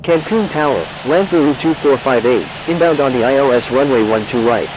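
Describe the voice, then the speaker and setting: A man plays an airline pilot calling the tower in a flight game. He uses clipped air traffic control radio phraseology over clearly audible aircraft engine noise. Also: mid-range voice, expressive, normal speed, close to an everyday voice. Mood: procedural. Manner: clipped, formulaic.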